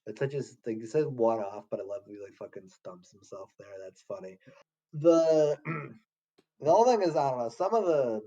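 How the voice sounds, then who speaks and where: Casual young male co-host, mellow, a bit dull and lo-fi. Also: expressive, normal speed. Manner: loose, slangy, swearing, laughing at lowbrow jokes. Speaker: podcast co-host. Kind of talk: casual chat.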